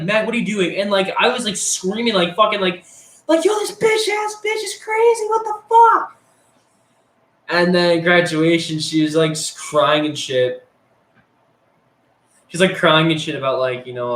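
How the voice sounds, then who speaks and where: A teenage boy with a high, slightly bright voice tells crude, rambling stories about school, packed with swearing and filler words. It's casual storytelling, and the poor-quality audio sounds roomy.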